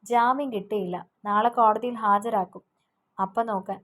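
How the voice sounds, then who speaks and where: A man's voice: high-pitched, steady tone, normal speed, fairly bright tone. Woman voicing a worn-out grieving young man. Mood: weary.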